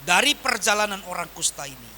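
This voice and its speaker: Animated preaching man, bright voice. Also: sits high, a little fast, slight background noise. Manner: animated preaching with wide swings in volume. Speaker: pastor. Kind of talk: sermon.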